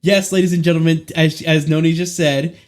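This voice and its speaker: A man's voice: on the high side, steady tone, fairly quick. Hyped, swearing male podcast host. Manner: profane, hyped, stumbling over words. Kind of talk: casual podcast chat.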